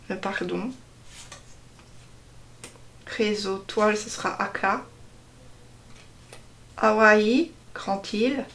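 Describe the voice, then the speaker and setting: A woman slowly presenting a deck of cards one by one, hesitating often and stressing each card name. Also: mid-range voice, fairly bright tone, slight background noise. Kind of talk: casual card unboxing walkthrough.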